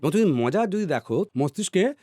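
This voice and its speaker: A man on a podcast explaining ideas at length in a teacherly way, often checking in with his listener and trailing off softly on repeated words. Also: high-pitched, sing-song, fairly quick, no echo. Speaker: podcast guest.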